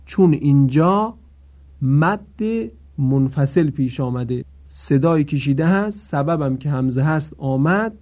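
A man teaching a step-by-step recitation lesson, methodical and repeating his points while asking listeners to pay attention. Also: mid-range voice. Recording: dull lo-fi recording.

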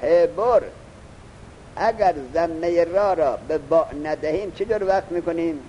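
A man teaches a lesson, reading the text slowly and stopping to quiz his student. His voice is warm and mellow and sits a bit high. A faint rumble runs underneath the recording. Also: muffled recording. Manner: explains, asks the student questions, reads the text slowly. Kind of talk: classroom lesson.

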